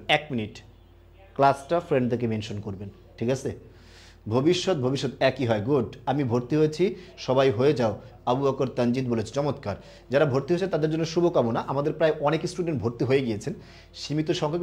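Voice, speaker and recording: A man's voice: on the high side, a little mellow. A young man from Bangladesh, teaching a live online admission class, explaining step by step and often checking whether students follow.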